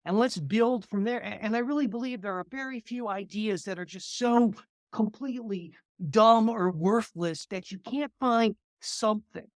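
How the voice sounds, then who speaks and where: A man's voice: high-pitched, moderate pace, no room sound, studio quality. A man who teaches political science and hosts a podcast, giving earnest, reflective interview answers, often repeating words as he thinks.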